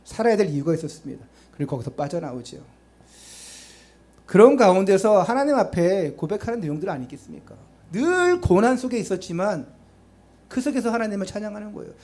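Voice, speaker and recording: A man's voice: high-pitched, sing-song, brisk, darkish tone. A male pastor preaching a sermon, urging the congregation with rhetorical questions and chatty asides to them.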